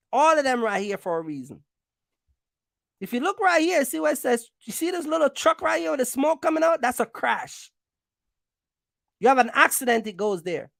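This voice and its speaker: A woman with a high voice and vocal fry hosts a trucking channel, giving advice in an informal explainer. She talks bluntly and emphatically, in colloquial slang, repeating phrases for stress, in a dry recording with clean studio sound.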